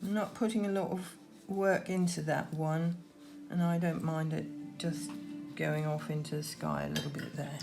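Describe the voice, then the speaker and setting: A woman giving gentle, unhurried painting instruction, talking through her work as she goes, with trailing pauses. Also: deep voice, flat delivery, vocal fry, music in the background. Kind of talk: unscripted painting demonstration, talking while working.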